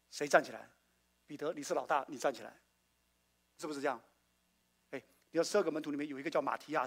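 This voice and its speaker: A male pastor preaching a sermon, asking his congregation questions and swinging between loud exclamations and quiet asides. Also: a little high. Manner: call-and-response preaching, asks the congregation questions.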